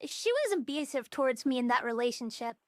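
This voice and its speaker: A woman's voice: high-pitched, big pitch swings, brisk, dry recording, studio quality. A young woman streaming live, talking casually in a blunt, profane, scattered way through a voice changer set to a more natural tone. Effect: voice changer turned down to a more natural tone. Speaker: VTuber streamer. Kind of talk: casual livestream chat.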